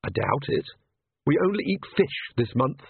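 A dry, deadpan young woman with a sharp practical streak, as a man reads her in his own husky voice. The sound is thin and phone-like. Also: a little high, moderate pace, pitched above the performer's own voice, exaggerated voice. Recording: tinny phone-like line.

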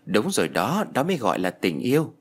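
A man's voice: fairly low pitch, huge pitch swings, brisk, slightly rough, faint music behind, full character voice. A man voicing a coaxing female demon. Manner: coaxing, cold and sweet.

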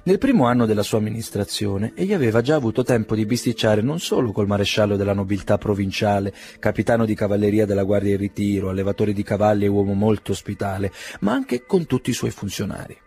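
A man narrating a classic novel in a measured, gently ironic audiobook reading. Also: on the low side, slightly rough.

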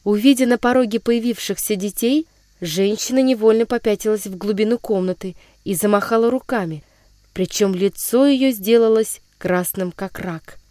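A woman narrating a children's story in a measured, expressive reading voice. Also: mid-range voice, no echo, studio quality.

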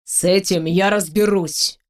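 A reader voicing a cunning, powerful male mage lord who speaks calmly and tersely in an audiobook. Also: medium pitch, unhurried, lightly acted. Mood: curt. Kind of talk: audiobook character voice.

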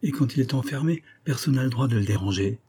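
A man's voice: medium pitch, lively intonation, fast, dark tone, slightly rough. A male audiobook reader voicing a talkative, good-hearted working man who fusses over his guest. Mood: cheerful. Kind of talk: audiobook character voice.

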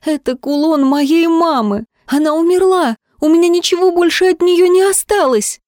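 A woman voicing a frightened, desperate young woman who pleads and breaks into shouts, in an audiobook reading. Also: mid-range voice, lively intonation, measured pace, dry recording, clean studio sound, lightly acted. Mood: anguished.

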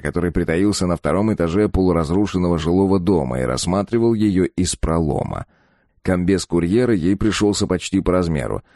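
A man narrates a first-person audiobook in a very low, dark voice. He tells it gruffly and bluntly, matter-of-fact. The recording is dry and close, with no room sound. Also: no room sound. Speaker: audiobook reader.

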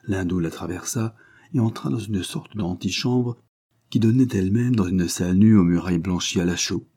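A man reading a novel aloud as an audiobook narrator, in a measured, even storytelling manner. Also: sits low, breathy edge. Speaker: audiobook reader.

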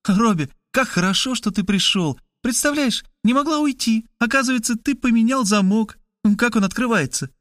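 A man's voice: very high-pitched, normal speed, few pauses, a bit bright, no echo, studio quality, voice pushed up. A man reading an audiobook and voicing the narrator's sister, an emotional young woman who talks in a plaintive, sighing, pleading way.

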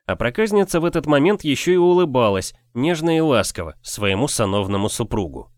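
A man's voice: mid-range voice, very animated, brisk, no echo. Man narrating a book in a dry close read. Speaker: audiobook narrator. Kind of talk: first-person audiobook narration.

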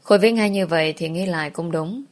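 A woman tells a first-person romance story in a calm, steady reading voice. Her pitch sits a little low for a woman. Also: fairly quick.

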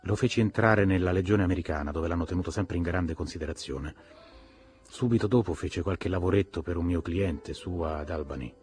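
A man reading a novel aloud as an audiobook narrator, measured and even. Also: sits low, soft background music. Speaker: audiobook reader.

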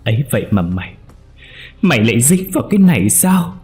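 A man voicing an older adoptive mother who scolds in a shrill, stammering rage. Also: expressive, measured pace, soft background music. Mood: furious.

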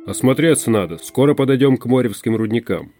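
A man's voice: mid-range voice, lively intonation, fairly quick, mellow, soft background music, voice pushed up, close to an everyday voice. Audiobook: reader plays a laconic woodsman, firm and brief. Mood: calm. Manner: terse, matter-of-fact. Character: terse older male hunter.

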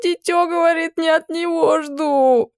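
A woman's voice: extremely high pitch, steady tone, measured pace, no echo, studio quality, voice pushed up. A woman voicing a weepy, lovesick teenage village girl who wails and pleads. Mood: pleading. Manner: wailing and pleading.

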